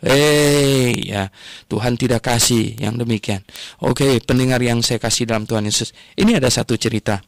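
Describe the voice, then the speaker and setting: A male radio preacher delivers his sermon with animated emphasis, often tagging his sentences with little affirmations. His voice sits at an ordinary pitch and sounds close and dry, with no room echo. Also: moderate pace, creaky. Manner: animated storytelling, frequent "ya" tags.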